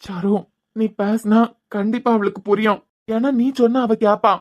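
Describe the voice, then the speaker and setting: A woman's voice: medium pitch, flat delivery, normal speed, muffled recording, close to an everyday voice. Sad begging dad in a cartoon, woman doing him, kanyakumari accent, keeps saying the kid's name. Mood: pleading. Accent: Kanyakumari Tamil. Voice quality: pleading, sorrowful, repeating the child's name. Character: grieving young father, a doctor, pleading with his daughter. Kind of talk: cartoon voice acting.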